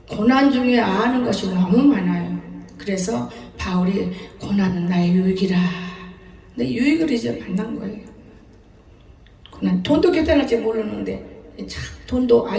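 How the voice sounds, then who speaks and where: A woman's voice: mid-range voice, normal speed, gravelly, dark tone. A woman in her seventies, a pastor preaching a sermon in a folksy storytelling way, often laughing as she talks. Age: 70s. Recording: echoey church hall, distant mic.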